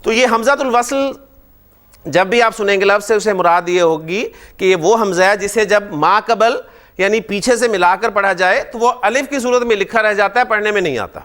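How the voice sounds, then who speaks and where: Man, high voice, classroom grammar lecture, keeps asking the class if it's clear. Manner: animated, asks the class frequent check questions. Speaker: Arabic grammar teacher.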